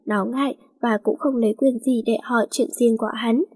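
Role: narrator. Sex: woman. Style: storybook reading, steady and flowing. Sound: fairly high, husky, dry. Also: a little fast, dry recording.

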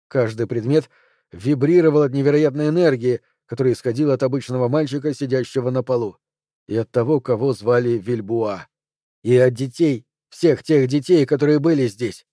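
Male horror audiobook narrator, steady and measured, dark timbre, dry close sound. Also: dry recording. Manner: steady, measured reading, letters spelled out in a low voice.

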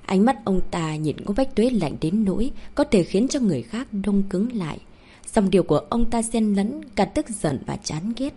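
A woman narrating a novel as an audiobook, reading steadily and slowing down for dramatic moments. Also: medium pitch, expressive, warm tone, breathy edge.

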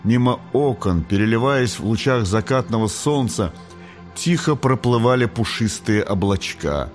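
A man's voice: lowish voice, lively intonation, faint music behind. Man narrating a fairy-tale audiobook. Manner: measured storytelling. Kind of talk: scripted narration.

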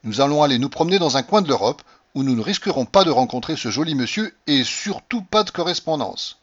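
A man's voice: a little high, lively intonation, fairly quick, pitched above the performer's own voice. A man doing a blunt older uncle. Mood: firm. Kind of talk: audiobook reading. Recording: dull lo-fi recording.

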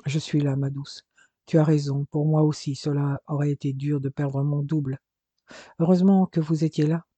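A man voicing a loving husband in an audiobook, gently comforting his wife. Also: on the high side, little pitch movement, normal speed, dry recording, natural voice. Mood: calm. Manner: gentle, reassuring.

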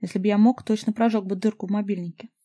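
A woman reading a first-person novel aloud as an audiobook, in an even storytelling manner. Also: medium pitch, quick pace. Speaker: audiobook narrator.

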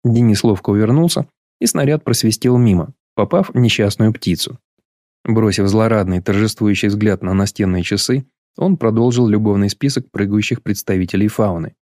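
Dark-voiced male audiobook narrator. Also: on the low side, dry recording, studio quality. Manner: even, measured reading. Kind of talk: scripted narration.

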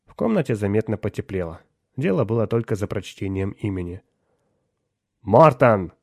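A man reads a story aloud in a steady audiobook delivery. His voice sits fairly low. The recording is dry and close, with no room sound. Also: quick pace, creaky, no echo. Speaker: narrator. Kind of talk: audiobook narration.

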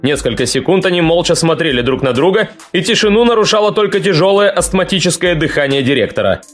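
Male audiobook narrator, higher register, steady read. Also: quick pace, soft background music. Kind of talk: scripted story narration.

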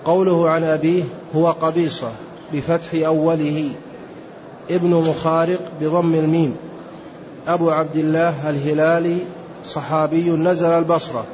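Man, student reading aloud, flat level delivery, fairly high voice, lo-fi with faint hiss. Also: moderate pace. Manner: steady, flat recitation. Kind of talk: reading a classical text aloud. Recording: dull lo-fi recording with faint hiss.

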